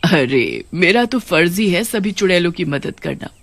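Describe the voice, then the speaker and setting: A woman's voice: fairly low pitch, sing-song, unhurried, full character voice. A woman playing a regal witch queen in a cartoon, grand and commanding yet kindly. The voice is dry and close, with no echo.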